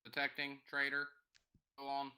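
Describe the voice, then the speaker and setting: A man doing a loud, clipped robot voice for a stiff, calculating male robot soldier in a tabletop game. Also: mid-range voice, completely flat delivery, unhurried, clean tone, voice pushed up. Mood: suspicious. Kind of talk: tabletop roleplay in character.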